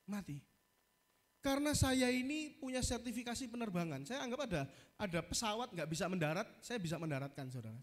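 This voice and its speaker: A male pastor with an East Javanese accent preaching a sermon, telling a story in a lively way and often calling out to the congregation. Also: high-pitched.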